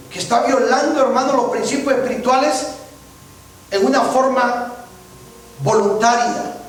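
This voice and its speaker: A man preaching a sermon as pastor, often checking that the congregation follows him. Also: very high-pitched. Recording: very echoey church from far off.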